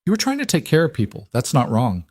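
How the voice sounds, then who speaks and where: A man voicing a warm-hearted young ranch cook woman, speaking earnestly and firmly. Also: mid-range voice, wildly swooping pitch, fast talker, dry recording, studio quality, pitched above the performer's own voice.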